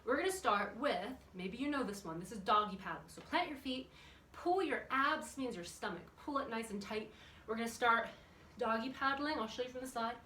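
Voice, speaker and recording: A kids' exercise and yoga instructor leads a children's workout, chatty and encouraging, asking her young listeners questions as she gives instructions. Her voice is a little high, animated, bright and forceful at a normal speed. The recording is echoey and distant-miked, with background noise.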